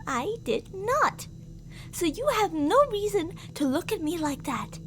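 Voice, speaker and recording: A woman with a high-pitched voice plays an obsessive, delusional stalker in an ASMR roleplay, theatrical and sweetly menacing with jealous, volatile endearments and reproaches. Her mood here is a cooing reproach, and a little hiss or hum sits in the recording.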